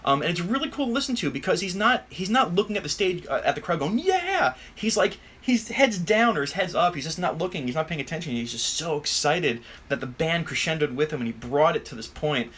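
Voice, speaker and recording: A man's voice: fairly high pitch, expressive, fast talker, few pauses, fairly bright tone, husky. A man giving a casual live-stream guitar lesson from a room at home full of guitars, talking in a rambling, chatty way with lots of ums and uhs. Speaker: guitar teacher.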